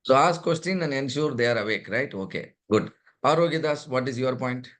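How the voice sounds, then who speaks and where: A man's voice: medium pitch, expressive, a little fast, fairly bright tone. A man with an Indian accent leading an interactive online class, prodding participants and repeating points to drive them home. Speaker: trainer leading an online session. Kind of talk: interactive teaching, calling on participants.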